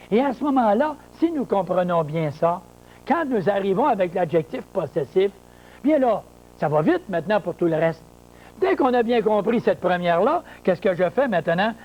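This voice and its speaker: A man gives a grammar lesson straight to camera. His voice sits high for a man, and he explains at an unhurried pace. He repeats key words, spells terms letter by letter and answers his own rhetorical questions. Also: darkish tone, rough recording. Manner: slow, deliberate explaining with many repetitions and rhetorical questions. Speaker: French grammar teacher.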